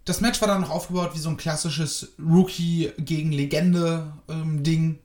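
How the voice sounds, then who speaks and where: A man's voice: fairly high pitch, steady tone, moderate pace, darkish tone, reverberant. A man giving a casual spoken review of a wrestling show, hesitant and rambling with many fillers.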